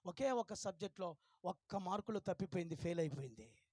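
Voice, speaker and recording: A male pastor telling a story in a revival sermon, swinging from hushed to shouted and urging the crowd to clap and shout. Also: sits high, lively intonation, fast, no room sound, clean studio sound.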